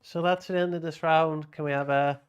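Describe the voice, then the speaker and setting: A man working as a bingo caller, announcing each item in a deliberate, casual live-show way. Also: a little high, fairly even intonation, clear, resonant tone, muffled recording.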